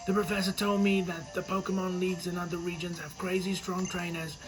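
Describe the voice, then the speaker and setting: A man voicing a cheerful, chatty teenage boy from a video game, musing out loud. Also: high-pitched, little pitch movement, brisk, music in the background, voice pushed up, lightly acted.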